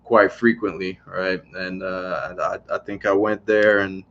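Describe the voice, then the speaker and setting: A man's voice: deep voice, level tone, unhurried, fairly bright tone, a little hiss or hum. A man who grew up in Italy, chatting casually on a live stream, rambling and tagging "right?" onto his points. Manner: rambling, frequent "right?" tags. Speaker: online business coach. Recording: dull lo-fi sound.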